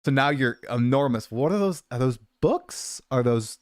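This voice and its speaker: A man in his late twenties hosts a casual livestream, chatty and self-deprecating, and he's coming down with a cold. His voice is medium-pitched and expressive at a moderate pace, recorded at studio quality with no echo.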